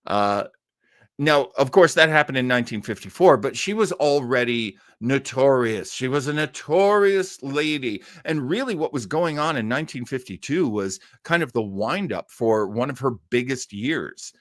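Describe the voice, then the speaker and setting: Answering audience comments during a casual livestream, a middle-aged man hosting an old time radio web show rambles effusively and repeats words for emphasis. His medium-pitched voice is a bit bright, with lively intonation and normal speed. The audio is studio quality with no room sound.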